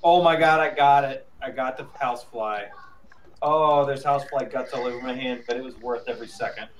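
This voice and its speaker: A man's voice: mid-range voice, fairly quick. A man playing in a tabletop game over voice chat, chatty and eager to jump in. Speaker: player. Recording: distant mic with faint noise.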